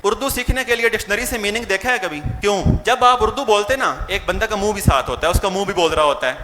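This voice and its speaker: Pakistani male lecturer, high bright voice, quizzes his audience; echoey hall, faint hiss. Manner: mixes Urdu with English words, asks the audience questions. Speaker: English teacher. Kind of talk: lecture to teachers.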